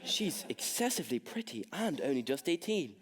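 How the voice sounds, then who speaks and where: A young man acting a weary, proper gentleman in a school stage comedy, with a dry delivery. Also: fairly high pitch, sing-song, normal speed. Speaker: stage actor in a school play.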